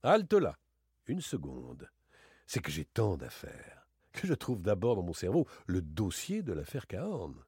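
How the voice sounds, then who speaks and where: A man playing suave gentleman thief Arsène Lupin. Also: huge pitch swings, unhurried, breathy edge, dry recording, studio quality, full character voice. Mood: mocking, boastful. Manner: teasing, theatrical, swings between bright exclamations and low asides. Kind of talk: dramatic audiobook reading.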